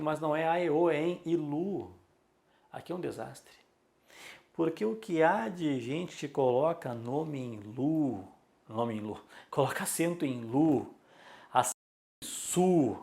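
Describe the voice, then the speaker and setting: Brief: Brazilian male teacher, gravelly, slow and emphatic lecture delivery. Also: on the high side, expressive, a little mellow. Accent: Brazilian Portuguese. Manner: emphatic, drawn-out teaching delivery with rhetorical questions. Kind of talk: classroom lecture.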